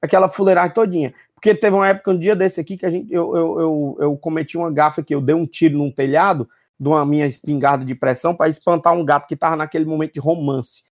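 A woman chatting in a relaxed way, telling anecdotes. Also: low voice, fast talker, few pauses. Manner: relaxed, anecdotal, laughs easily. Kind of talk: casual chat.

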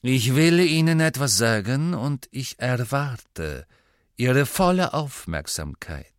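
Snape: a man doing a cold, slow-spoken teacher. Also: fairly low pitch, very animated, no echo, studio quality, exaggerated voice. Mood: icy. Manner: slow, deliberate, cutting. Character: cold, contemptuous male teacher.

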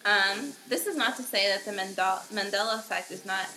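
A woman's voice: mid-range voice, brisk, heavy background noise. A woman co-hosting a casual podcast, rambling and giggly, correcting herself as she goes. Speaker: podcast co-host.

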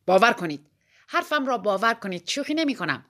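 A woman's voice: fairly high pitch, very animated, fairly bright tone. Brief: tiny showy male joker, as a woman reader puts him on, theatrical and mock-grave. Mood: mock-earnest. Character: tiny jesting male engineer, showy and playful.

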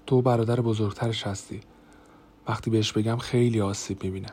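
A man's voice: fairly low pitch, fairly even intonation, breathy edge. A man voicing a tense young woman who confronts her brother-in-law sharply in an audiobook. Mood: confronting. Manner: sharp and heated. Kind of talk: audiobook character voice.

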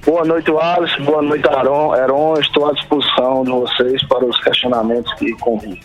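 A man's voice: mid-range voice, fairly even intonation, a bit bright. A man, a consumer protection official, speaking formally and patiently over a landline phone in a radio news interview. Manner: formal, explanatory, measured. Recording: muffled phone line with music bed.

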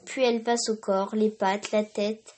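A woman reading a children's storybook aloud in a steady, expressive way. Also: medium pitch, unhurried.

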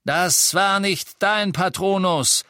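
A man voicing a menacing, stubborn male dark wizard henchman who speaks bluntly and threateningly. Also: on the high side, lively intonation, measured pace, no echo, studio quality, voice pushed up.

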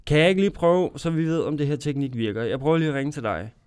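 A man's voice: a little high, darkish tone, clear, resonant tone. A man hosting a casual radio show, joking around with a co-host and setting up prank phone calls. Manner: joking, playful, laughs often.

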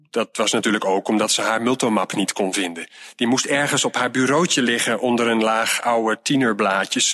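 Bright-voiced man reading a storybook. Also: mid-range voice. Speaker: narrator.

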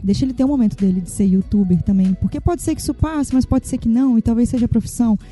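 A woman's voice: on the high side, racing, warm tone, faint music behind. A woman, guest on a casual podcast, giving earnest advice to parents.

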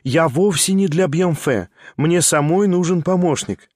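A male narrator takes on the character of an eager, easily blushing, impulsive young woman in an audiobook, raising his voice noticeably and letting it spill into breathless, emotional exclamations. The sound is close and dry, with no room sound.

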